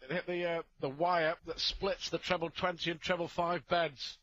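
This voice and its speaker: A man's voice: on the high side, steady tone, moderate pace, fairly bright tone, lo-fi sound. A man giving live darts commentary, offering opinionated analysis between throws.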